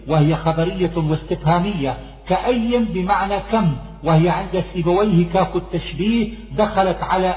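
High-voiced man reading in an echoey hall. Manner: steady, measured listing of word meanings. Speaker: reader of a Quranic glossary. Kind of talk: reading a scholarly text aloud. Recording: phone-like sound in an echoey hall.

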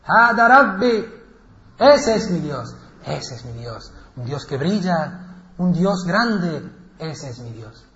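A man's voice: on the high side, animated, slow, echoey room, big-room sound, dull audio. Man acting as an earnest prophet gazing skyward. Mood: awed. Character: earnest prophet, adult man, marveling at the heavens.

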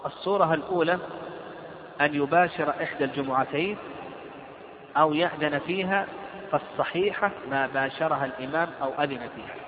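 A man lectures on Islamic law, reading a legal text aloud and going over each point again and again. His voice sits a little high. It comes through a thin, phone-like recording in a long-echoing hall full of people. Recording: roomy hall over a tinny line with crowd noise.

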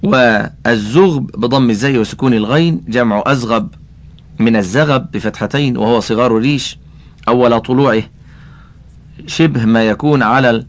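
A man reading a classical religious text aloud as an audiobook, adding commentary and carefully spelling out how names are voweled. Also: medium pitch. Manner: addresses the listener directly. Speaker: audiobook reader.

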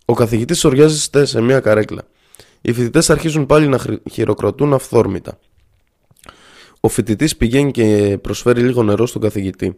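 A man narrating a story aloud in a measured, earnest way. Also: mid-range voice, darkish tone.

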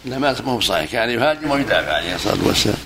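Against a noisy background, a man racing along in a lowish, sing-song voice gives a lesson on hadith as a religious scholar, fielding students' questions and hammering key phrases through repetition.

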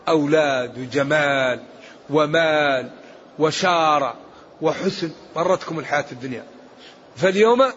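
A man's voice: fairly high pitch, a bit bright. A man giving a Quran commentary lesson as a religious scholar, emphatic and rising sharply when he recites verses. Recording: dull lo-fi recording with faint hiss.

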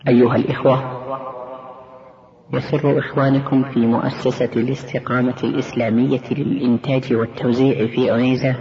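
A man's voice: medium pitch, dull audio. A man reads a formal scripted announcement in formal standard Arabic, introducing a recorded lecture.

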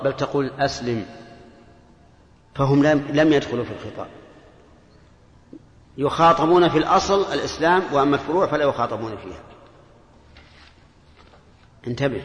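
A man giving a classroom lecture, explaining points and quizzing his students with rhetorical questions. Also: mid-range voice. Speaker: teacher. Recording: echoey hall with long reverb.

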